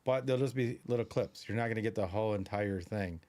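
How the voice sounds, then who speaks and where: Low-voiced man, rambling live-stream chat. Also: a little fast, a little mellow. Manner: loose, rambling, chatty with fillers. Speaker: podcast co-host.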